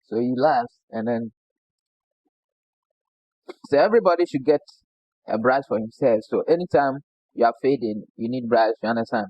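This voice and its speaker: With a Ghanaian English accent, a barber from Ghana runs a relaxed hands-on demo and repeatedly asks "you understand?" as a check-in. His medium-pitched delivery is fairly quick with fairly even intonation, recorded without echo but missing the high frequencies.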